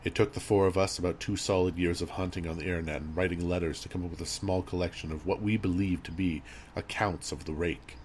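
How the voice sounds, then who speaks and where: A man reading a scripted horror story as narrator, in a measured, grave storytelling manner. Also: deep voice, steady tone, darkish tone. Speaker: creepypasta narrator. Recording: audible background noise and ambience.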